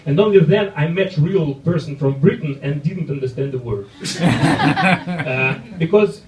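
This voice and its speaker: A man in his thirties with a Russian accent doing a live stand-up set, with a halting, apologetic delivery full of fillers. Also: on the high side. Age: 30s. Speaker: stand-up comedian. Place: comedy club stage. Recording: roomy live club, far mic, loud crowd laughter.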